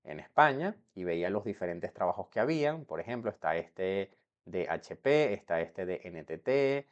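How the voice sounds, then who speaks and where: A man's voice: low-pitched, animated, moderate pace, lo-fi sound. A young man from Venezuela explaining to camera how he moved abroad, in a chatty way that keeps checking in with the viewer. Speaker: vlogger.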